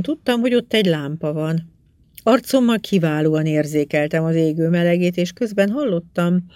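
A woman reading a first-person story aloud in a calm, measured, subdued way. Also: low-pitched, no echo. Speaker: audiobook reader. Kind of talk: first-person audiobook narration.

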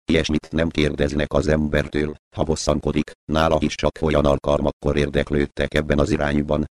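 A man reading a literary short story aloud in a measured, descriptive way. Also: sits low, darkish tone. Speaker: narrator.

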